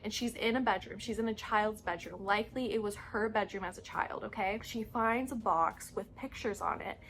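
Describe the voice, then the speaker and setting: A young woman recapping a book series in a casual, excitable way, with lots of "like" and fillers. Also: medium pitch, normal speed, slight background noise. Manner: excitable, heavy use of "like". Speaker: book vlogger.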